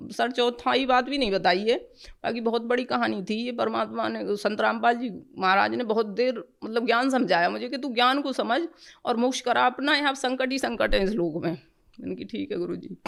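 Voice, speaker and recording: A woman's voice: on the high side, vocal fry, fairly bright tone. A middle-aged woman giving an emotional personal testimony, rambling at times and breaking off to restart.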